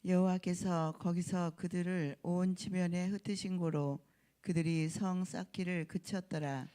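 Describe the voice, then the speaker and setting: A congregant reading scripture aloud in turn with a leader, in a steady, even manner. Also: medium pitch, a little slow, smooth.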